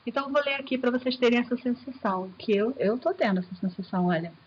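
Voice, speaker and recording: A woman's voice: fairly high pitch, fast. A Brazilian woman teacher giving a recorded video lesson in a chatty, enthusiastic way. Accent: Brazilian Portuguese. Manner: chatty and enthusiastic, addresses students as "gente". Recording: dull sound with faint hiss.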